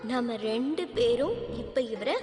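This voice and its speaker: A woman's voice: a little high, lively intonation, measured pace, a little mellow. A woman dubbing a brash, boastful young swordswoman, with music behind. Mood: confident. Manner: brash and confident.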